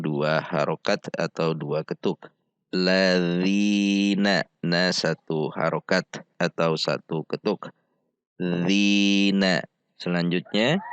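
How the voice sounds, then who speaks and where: Slow, deep-voiced man teaching. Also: a bit bright, no echo. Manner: patient, repeats syllables slowly for practice. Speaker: Quran recitation teacher. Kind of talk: slow step-by-step pronunciation lesson.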